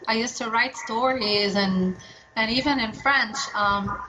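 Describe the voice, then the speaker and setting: Energetic woman translator from Lebanon, fairly high voice, chatty with lots of restarts, noisy recording with clicks. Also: a little slow. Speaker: translator and interpreter. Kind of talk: casual interview answers.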